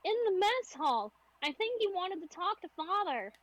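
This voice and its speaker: A woman voicing a bubbly, teasing young girl in a fan read of game dialogue, pitched well above her own voice. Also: big pitch swings, normal speed, a bit bright, no room sound, heavily acted. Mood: chirpy. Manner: giggly, playful teasing.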